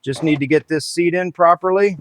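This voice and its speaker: Brisk and a little high, with a slightly bright voice, this mechanic narrates a car restoration in terse, procedural steps. Some slight background noise comes through.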